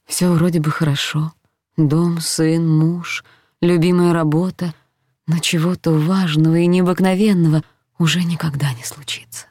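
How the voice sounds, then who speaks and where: A woman narrating a first-person novel in a measured, reflective reading voice, close to the mic. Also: on the low side, dark tone, no echo. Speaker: audiobook narrator.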